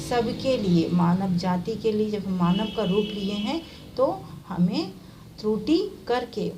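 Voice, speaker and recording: Brief: woman teacher, unhurried drilling delivery, words said slowly and repeated, faint hiss underneath. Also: mid-range voice, animated. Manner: reads each word slowly, then repeats it corrected; often ends points with "okay" and "theek hai". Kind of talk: slow classroom explanation of spelling.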